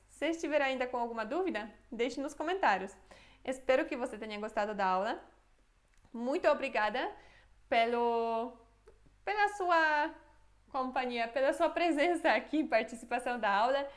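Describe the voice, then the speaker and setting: A woman teaching a language lesson to camera, patiently repeating examples and checking that viewers follow. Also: a little high. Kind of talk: explaining a grammar lesson to camera.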